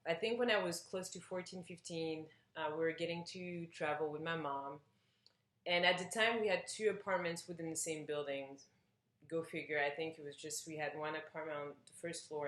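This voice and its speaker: A Belgian woman vlogger chats casually to camera, telling a personal story in a hesitant, rambling manner full of fillers and restarts. Her voice is deep with a fairly bright tone, in an echoey room.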